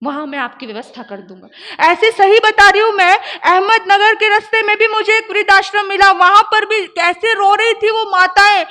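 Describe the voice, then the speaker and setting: Woman preacher, very high bright voice, impassioned sermon, long hall echo. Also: level tone, normal speed, hardly any pauses. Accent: Hindi. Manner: impassioned, swings between loud appeals and hushed narration. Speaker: Jain sadhvi preacher. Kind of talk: emotional storytelling sermon. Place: large hall, live sermon. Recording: echoey hall reverb.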